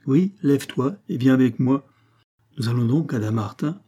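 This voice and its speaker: A man reading aloud as a gruff, bossy farmer who talks in loud, blustering bursts. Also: mid-range voice, normal speed, close to an everyday voice.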